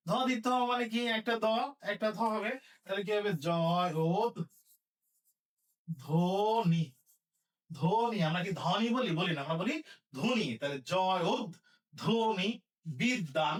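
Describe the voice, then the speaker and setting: A man teaching an online lesson, spelling words out slowly syllable by syllable and asking his students questions as he goes. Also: high voice, fairly bright tone, far from the mic.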